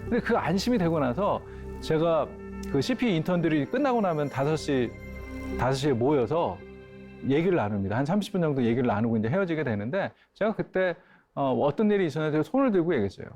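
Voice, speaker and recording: A man's voice: on the high side, fast, soft background music. A man, a pastor and grief counselor, telling a personal story in a lecture and acting out the voices of the people in it. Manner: animated, acts out dialogue in his story.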